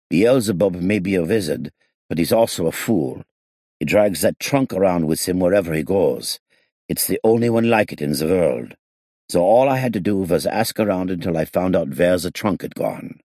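A man's voice: sits low, warm tone, no echo, clean studio sound, voice pushed up. A man putting on a smug, whining crook. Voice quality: whining, self-pitying. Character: smug, whiny middle-aged male criminal.

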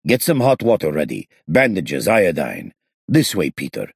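A stern older innkeeper barking orders, as a male narrator voices him. The voice is low and gravelly, with a husky, dry sound. It is a storybook figure read close to the mic. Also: wildly swooping pitch, moderate pace, no echo, heavily acted. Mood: strict. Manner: strict, commanding.

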